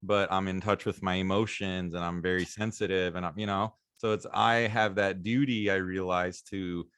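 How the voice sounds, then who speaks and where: Low smooth-voiced man in his thirties. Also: normal speed, dry recording, clean studio sound. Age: 30s. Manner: calm, reflective, frequent affirmations. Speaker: podcast host, naturopathic doctor. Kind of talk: casual interview chat.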